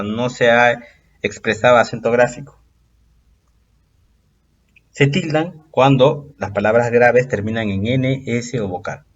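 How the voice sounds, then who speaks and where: A man teaching a recorded exam-prep lesson, patiently explaining step by step and drawing out example words slowly. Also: medium pitch, dull audio.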